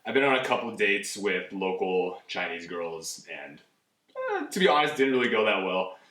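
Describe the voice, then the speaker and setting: A man's voice: on the low side, expressive, moderate pace, bright, forceful tone, recorded from a distance. A man in his twenties from California, a guest in a casual interview, laid-back and candid, with many likes. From California, USA. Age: 20s. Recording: roomy, from off the mic.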